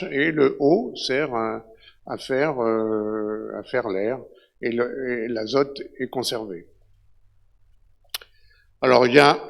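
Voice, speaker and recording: A middle-aged man lectures an audience in an unhurried explanatory way, with frequent fillers and small asides. His voice has a gravelly, creaky edge at an ordinary middle pitch. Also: a bit bright. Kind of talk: conference talk with slides.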